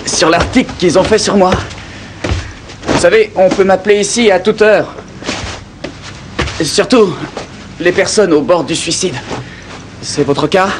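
A man's voice: high voice, a little slow, pauses often, noisy background. An actor in his thirties playing an earnest, reassuring young priest who speaks insistently in a dubbed TV crime drama. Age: 30s. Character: earnest young priest, urgent, soothing and protective.

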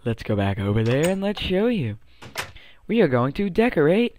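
A young gaming channel host, a bit sick and prone to voice cracks, gives casual let's-play commentary, playful and rambling with silly sing-song hype bits. His voice is fairly high, sing-song, darkish, and at normal speed, with a little hiss or hum in the audio.

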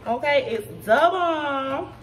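A fairly high-voiced woman talks viewers through a home recipe in a chatty, loose way, a little tipsy. She sits back from a camera across the kitchen counter, with clear room noise underneath. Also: lively intonation, takes it slowly, distant mic. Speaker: vlogger cooking at home. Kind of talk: casual cooking walkthrough. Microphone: camera set back at counter.

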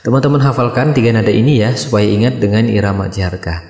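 A man's voice: fairly low pitch, fairly even intonation, quick pace, a little mellow. A man hosting a recitation lesson, explaining steps plainly and encouraging viewers to follow along. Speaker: host and recitation teacher. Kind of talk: friendly instructional talk. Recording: echoey room with long reverb.

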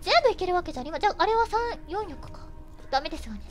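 Young woman doing posh lady talk while streaming a horror game, super high voice, talks fast. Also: animated. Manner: mock-aristocratic lady speech, playful and dramatic. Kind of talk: casual game-stream commentary. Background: game music.

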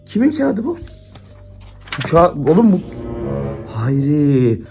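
A man's voice: fairly high pitch, very animated, slow, darkish tone, faint music behind. A young man vlogging at home into a handheld camera, frantic and exclaiming, constantly talking to his viewers. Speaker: YouTuber. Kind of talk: staged excited vlog.

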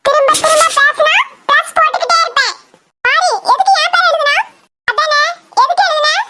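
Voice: fairly quick, sharp tone, dry recording. A voice actor playing a group of cheeky village schoolchildren in a cartoon, squabbling and teasing. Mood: rowdy. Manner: teasing, squabbling, shrill giggling. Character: chattering village schoolkids, boys and girls, cheeky. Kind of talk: cartoon voice acting.

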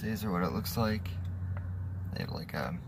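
Low-voiced guy doing a casual snack review in his car, kinda halting, clear background noise. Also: lively intonation. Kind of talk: casual product review to camera. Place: inside a parked car. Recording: noisy car interior phone recording.

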